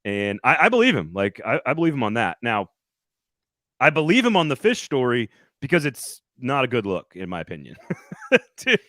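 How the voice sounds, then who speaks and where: A man's voice: medium pitch, very animated, moderate pace, fairly bright tone, dry recording, clean studio sound. A man hosting a casual sports talk show, rambling and restarting his sentences often. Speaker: sports podcast host reporting on location.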